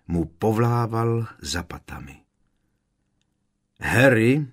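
A man narrating an audiobook with expressive storytelling. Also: lowish voice. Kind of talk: scripted narration.

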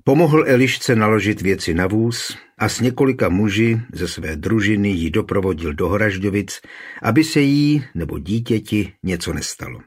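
A man narrating a historical novel as an audiobook, with a steady storytelling delivery. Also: fairly low pitch, slightly rough. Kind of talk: scripted narration.

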